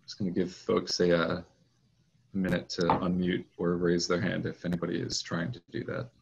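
A man serving as school board president, chairing a formal meeting over a video call in a procedural, measured way with frequent fillers. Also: low voice, completely flat delivery, gravelly, slight background noise. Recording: muffled video call audio.

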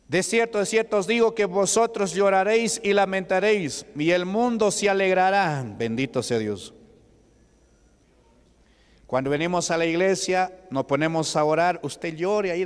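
Brief: male pastor, slow and resonant, quizzes his flock, long church reverb. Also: high-pitched, smooth. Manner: asks the congregation rhetorical questions. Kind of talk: Pentecostal sermon. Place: church hall.

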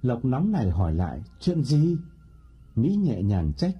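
A man narrating a short story audiobook in an expressive storytelling manner. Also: on the low side, moderate pace, slightly rough, muffled recording.

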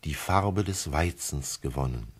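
A man voicing a wise, gentle male fox with a husky voice, speaking in a lively, heartfelt way in a classic radio play. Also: very deep voice, unhurried, full character voice. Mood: wistful. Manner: lively, pleading, heartfelt delivery.

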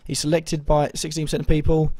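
A young man with a slightly hoarse voice that is still recovering, talking through his fantasy football week in a rambling way, full of ums and self-corrections. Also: a little high, monotone, fast talker, dark tone, dry recording. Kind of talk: casual video commentary.

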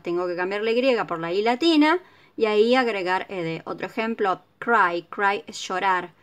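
A woman's voice: mid-range voice, normal speed. A woman explaining an English lesson patiently, often checking in with her students. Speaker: English teacher. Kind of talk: recorded video lesson.

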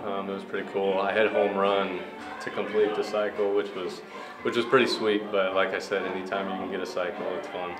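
Deep-voiced and a little fast, with little pitch movement, this young ballplayer handles post-game interview questions in an upbeat, humble manner full of fillers. He stands before a sponsor backdrop in an echoey ballpark media room as clubhouse music plays.

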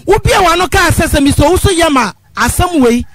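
A high-pitched woman calls a radio talk show to complain, animated and speaking at normal speed. She pleads insistently, addressing the host over and over as "father," in an impassioned phone-in.

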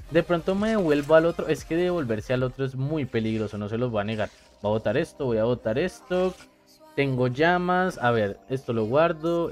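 A man giving chatty, excitable let's-play commentary and talking straight to his viewers. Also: mid-range voice. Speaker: gamer.

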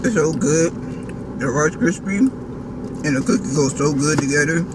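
A man's voice: fairly high pitch, distant mic. Young man talking through a face mask. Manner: relaxed, chatty, a little halting. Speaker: food vlogger. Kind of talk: casual food review vlog. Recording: from the mic, clear background noise.

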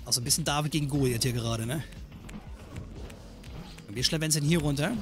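A man hosting a gaming channel, giving let's play commentary in an animated, joking way and scolding the game's enemies. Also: a little high, a little fast, music in the background.

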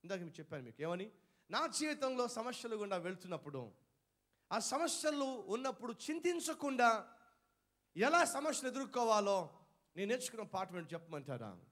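A male pastor, preaching to a congregation and asking them questions again and again, shifting from low murmurs to loud exclaims. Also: big pitch swings, a little fast. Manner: mixes English phrases into his preaching. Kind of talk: sermon. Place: church hall with a congregation.

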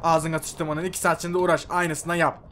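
A young man giving loud, excitable gameplay commentary, swearing and yelling at the mobs on screen. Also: on the high side, quick pace, a little hiss or hum. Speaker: gaming YouTuber. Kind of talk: Minecraft mod review commentary.

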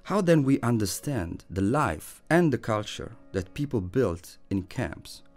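A man reading a scripted, measured narration as a voice-over. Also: mid-range voice, big pitch swings. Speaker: presenter. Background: faint music.

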